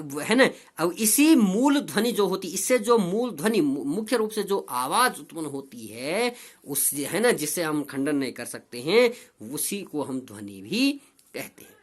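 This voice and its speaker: A man's voice: a little high, fairly bright tone. A male teacher explaining grammar step by step, who keeps checking with "ठीक है ना" and draws out vowels as he demonstrates them. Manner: drawn-out, sing-song vowel demonstrations. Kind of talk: grammar lesson.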